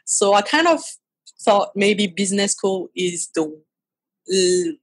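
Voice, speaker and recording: Woman, French accent, husky, dry close sound, casual and hesitant. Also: medium pitch, expressive, slow pace, no echo, rough recording. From France. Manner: laughs easily, hesitant fillers. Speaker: guest photographer. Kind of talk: casual interview conversation.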